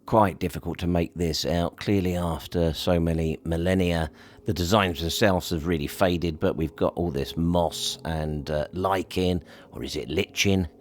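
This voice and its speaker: Man, very deep voice, husky and dreamy, laid-back studio voiceover. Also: steady tone, unhurried. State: husky, slightly dreamy put-on voice. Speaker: video host. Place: home studio.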